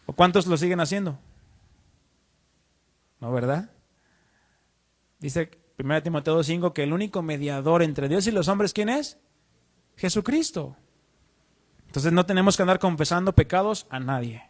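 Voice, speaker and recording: A high-pitched man gives a teaching sermon in church. He explains earnestly and puts questions to the congregation. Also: moderate pace, long pauses. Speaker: preacher.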